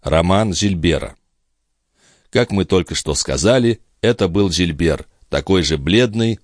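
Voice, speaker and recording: A man narrating a classic novel as an audiobook, in a measured, expressive manner. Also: low-pitched, dry recording, studio quality. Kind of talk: scripted literary narration.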